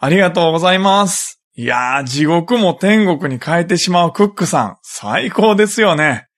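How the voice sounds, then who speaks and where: A man's voice: high-pitched, animated, moderate pace, a bit bright, faint music behind. A male host giving friendly thanks after a story reading. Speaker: radio host. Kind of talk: casual chat.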